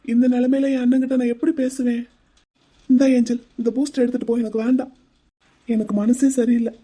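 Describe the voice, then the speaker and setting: A man voicing a troubled young man in an animated drama, speaking earnestly and with distress. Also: very high-pitched, brisk.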